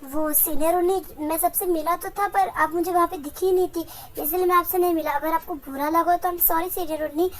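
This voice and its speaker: A woman's voice: very high voice, steady tone, fairly quick. A woman voicing a polite young male student who apologizes to his senior. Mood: apologetic. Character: polite shy young man, junior student.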